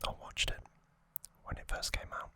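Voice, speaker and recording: In a hushed, unvoiced whisper full of breath, an ASMR host runs through a recap, pausing between each short phrase.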